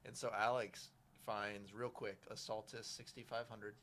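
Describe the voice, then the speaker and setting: A man with an American accent telling excitable fishing stories in casual chat. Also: lowish voice, a little hiss or hum. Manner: fast, excitable storytelling. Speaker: fishing guide.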